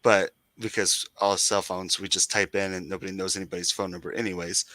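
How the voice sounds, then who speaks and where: A man co-hosting a casual soccer talk show, animated and jokey, getting excited in bursts. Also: deep voice, fairly quick. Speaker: podcast co-host.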